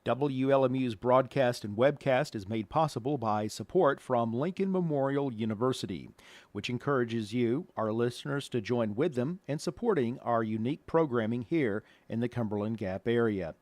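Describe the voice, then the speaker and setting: A man's voice: medium pitch, expressive, moderate pace, darkish tone, dry recording. A man reading formal station identification announcements as a radio announcer.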